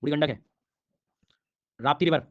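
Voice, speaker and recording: A man's voice: fairly high pitch, normal speed, phone-quality sound. A man teaching a live online geography class, drilling names over and over and teasing sleepy students. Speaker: online exam-prep teacher.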